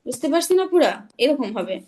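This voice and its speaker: In an online class, a young woman who is feeling unwell teaches the rules of Quran recitation. Her voice is high, very animated and dark in tone, and she patiently goes over each rule slowly, again and again, making sure her students understand.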